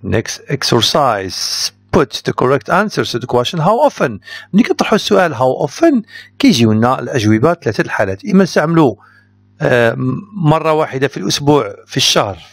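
Lively male teacher, dry sound. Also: mid-range voice, racing, no room sound. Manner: reads answers aloud, switches to Darija to explain. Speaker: English teacher. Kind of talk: test correction lesson.

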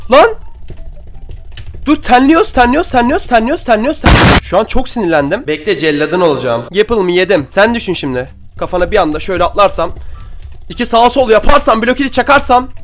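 A young man giving casual commentary over his own gameplay, chatty and trash-talking opponents, with keyboard and mouse clicks at his desk mic. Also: high voice. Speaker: gaming YouTuber. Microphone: desk microphone, keyboard and mouse clicks.

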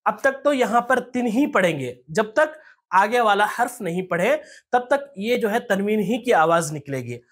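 Patient teacher spelling out sounds slowly. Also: medium pitch, expressive, fairly bright tone, husky. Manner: patient, explains step by step and asks rhetorical questions; spells out letters slowly and stretches syllables. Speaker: Quran recitation teacher. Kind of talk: tajweed lesson.

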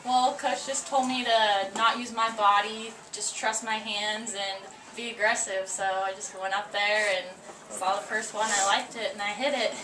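A young woman college softball player giving brief, simple answers after a game, in a small wooden press box with a headset mic. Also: medium pitch, steady tone, moderate pace. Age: 20s. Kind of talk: postgame interview. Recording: echoey, distant, noisy outdoor ambience.

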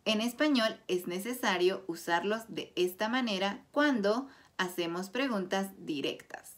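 A woman teaching a Spanish grammar lesson, explaining clearly and deliberately through example sentences. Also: mid-range voice. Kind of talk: slow scripted grammar lesson.

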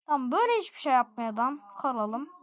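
A woman giving live gameplay commentary, excitable and quick to laugh and shout out exclamations. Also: high voice. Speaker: gaming video creator.

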